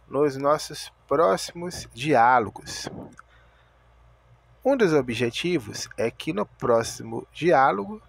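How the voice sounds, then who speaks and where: A man's voice: mid-range voice, gravelly, no room sound. A man giving a video lesson, patiently repeating each word and spelling out its sounds. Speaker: English teacher. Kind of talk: slow explanatory video lesson.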